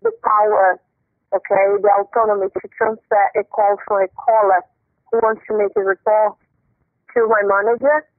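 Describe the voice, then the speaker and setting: A woman's voice: mid-range voice, lively intonation, normal speed, no room sound. A woman with a Brazilian accent, a fraud call agent on a phone call, flustered and apologetic, repeating herself. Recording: tinny phone line, dry.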